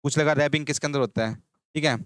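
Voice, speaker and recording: Guy tutoring fast, quizzes himself over and over, smooth clear voice, kinda high, dry room. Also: a bit bright, dry recording. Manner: drills terms with repeated call-and-response questions. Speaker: agriculture teacher. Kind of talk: exam-prep lecture.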